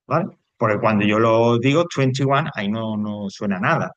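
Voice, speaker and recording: Teacher, patient step-by-step explaining. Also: male voice, on the low side, normal speed, no echo, dull audio. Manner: explains step by step, often checks in with the class. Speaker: English teacher. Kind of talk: explanatory recorded lesson.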